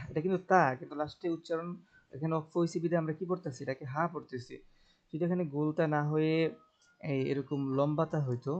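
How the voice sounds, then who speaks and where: A male Quran teacher giving an online tajweed lesson, alternating slow, drawn-out melodic recitation with quick plain explanations. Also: on the high side, a little mellow, dull audio.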